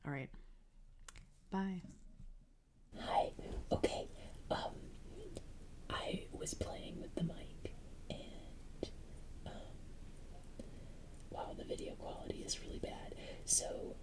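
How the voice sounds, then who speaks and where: A woman's voice: slow pace, long pauses, low-quality recording. A young woman whispering a rambling, self-deprecating video diary as a music student, recorded on a close desk microphone in her bedroom. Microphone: close condenser desk mic.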